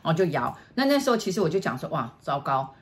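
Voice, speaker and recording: A middle-aged woman with a Taiwanese Mandarin accent tells a ghost story in a casual, vivid way. Her voice sits low and she often stops, restarts and repeats words as she builds the scene. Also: sing-song, fast talker. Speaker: storyteller, the host's mother.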